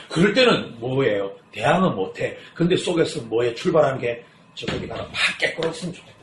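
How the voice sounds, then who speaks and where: A man preaching a sermon as pastor, telling stories lively and asking his congregation questions. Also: on the high side, slight background noise. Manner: asks the congregation rhetorical questions; lively storytelling. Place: church sanctuary. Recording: echoey church hall.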